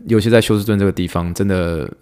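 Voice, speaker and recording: A man hosting a casual podcast, a physical therapist who talks fast and laughs often, slowing down for English phrases. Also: deep voice, steady tone, dark tone, clear, resonant tone. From Taiwan. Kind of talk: casual podcast monologue teaching clinical English.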